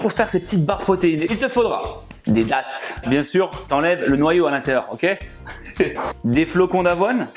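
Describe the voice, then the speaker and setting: A man hosting a casual cooking vlog, chatty and jokey, who often laughs and talks straight to his viewers. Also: fairly high pitch. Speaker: cooking channel host.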